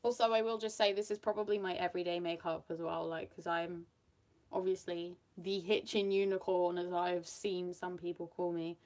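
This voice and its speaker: Lowish and a little mellow, her delivery is flat at a normal speed. The young British makeup vlogger, whose accent has a touch of Australian, chats casually on camera in a get-ready-with-me, rambling with fillers and frequent small laughs.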